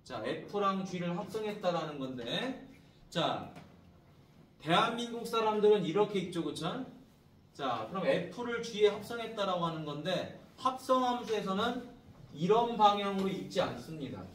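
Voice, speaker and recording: Male math teacher, high and animated, prompts students constantly, distant classroom recording with faint background noise. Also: a little slow, echoey room. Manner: keeps checking in with students, repetitive prompting questions. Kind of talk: classroom lecture.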